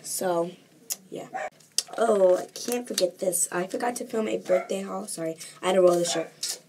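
A woman's voice: medium pitch, moderate pace. A teenage girl chatting casually to camera in a home vlog, rambling with lots of fillers. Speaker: vlogger. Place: home bedroom. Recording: noisy home recording, dogs barking. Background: dogs barking.

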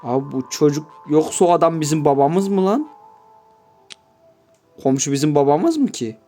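A man's voice: a little high, expressive, normal speed, dark tone, soft background music. A man giving casual gameplay commentary, swearing constantly and grumbling to his viewers in mock-offended asides. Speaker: gameplay YouTuber.

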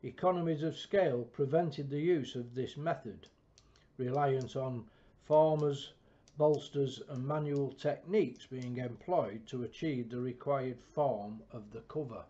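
A man giving a scripted, measured technical narration of an engineering build, with a dull lo-fi recording. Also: medium pitch, warm tone. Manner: measured, precise technical delivery. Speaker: project narrator.

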